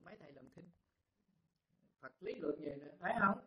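High-voiced monk telling parables. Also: male voice, animated, a little fast. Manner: folksy, repetitive, hesitant with fillers. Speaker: Buddhist monk teacher. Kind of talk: storytelling dharma talk. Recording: roomy, dull lo-fi recording.

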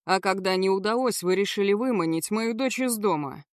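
A woman's voice: medium pitch, brisk, no room sound, lightly acted. A furious male gangster growls threats through clenched teeth, as a woman narrator puts him on. His voice is cold and dead-sounding, and he is full of contempt. The recording is dry and close, like an audiobook.

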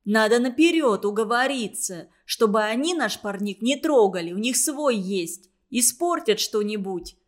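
Tosya, a shrill bossy schoolgirl, as a woman reader puts her on. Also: lively intonation, measured pace, hardly any pauses. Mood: defensive. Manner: loud, shouting, protesting.

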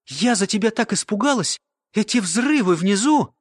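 Man doing a worried young woman; soft, lively, dry. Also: sits high, moderate pace, no echo, pitched above the performer's own voice. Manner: soft, cautious.

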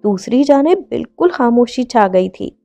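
A woman reading a novel aloud as narrator, in a steady storytelling manner. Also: fairly high pitch, measured pace, creaky. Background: faint music.

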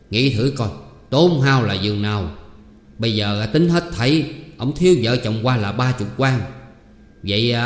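A man's voice: mid-range voice, lightly acted. A man reading a hesitant haggling peasant man. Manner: hesitant, haggling, full of filler sounds. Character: grasping middle-aged peasant husband. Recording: roomy hall with long reverb.

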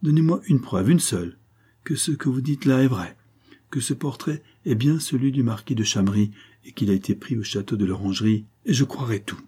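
A man's voice: mid-range voice, a little fast, dark tone, slightly rough. A man reading a novel aloud, voicing an anguished, demanding young noblewoman. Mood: distraught. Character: distraught young noblewoman, proud painter.

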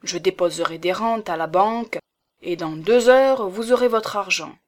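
A woman's voice: mid-range voice, moderate pace, close to an everyday voice. A woman voicing an eager, gallant middle-aged bourgeois man who makes fervent, emphatic promises.

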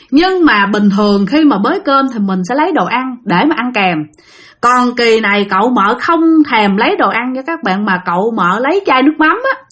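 A woman's voice: a little high, a bit bright. A woman telling a ghost story in a casual, chatty way, often speaking straight to her listeners. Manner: chatty, addresses listeners directly.

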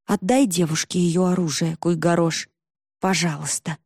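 A woman's voice: medium pitch, lively intonation, moderate pace, a little mellow, no echo, studio quality, close to an everyday voice. A woman voicing a polite, earnest young woman who is lost and wants to get home.

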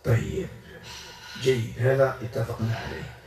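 A man's voice: medium pitch, animated, moderate pace. Commanding man in an echoey room. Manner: commanding, repetitive coaxing. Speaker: Quran healer. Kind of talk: exorcism session addressing a possessed patient. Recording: echoey room, far from mic, loud noise.

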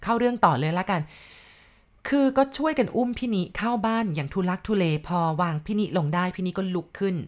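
A woman's voice: mid-range voice, animated, fairly quick. A woman casually retelling a ghost story in a chatty way, stopping for explanatory asides. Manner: chatty, adds explanatory asides and polite particles.

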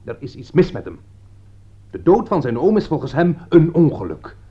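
In a dull, lo-fi radio recording, a man with a slightly high, husky, sing-song voice speaks at a moderate pace. Acting in a radio play, he voices an anxious, indignant friend turned accuser, agitated, reproachful and accusing.

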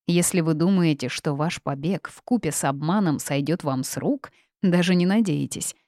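A woman reading the part of a stern, sharp-tongued old grandmother witch in an audiobook, curt and scolding. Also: deep voice, normal speed, no room sound, clean studio sound.

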